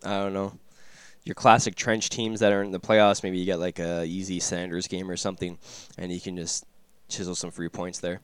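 A man with a low, smooth voice talks fantasy hockey in a loose, rambling way, full of fillers and quick asides. The sound is dry and close. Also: flat delivery, no echo. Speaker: fantasy hockey podcast co-host. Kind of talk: casual chat.

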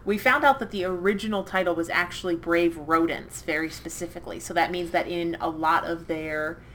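A woman's voice: on the low side, fairly even intonation, fairly bright tone, slight background noise. Chatty woman podcast host. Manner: chatty, enthusiastic, quick asides. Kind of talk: casual chat.

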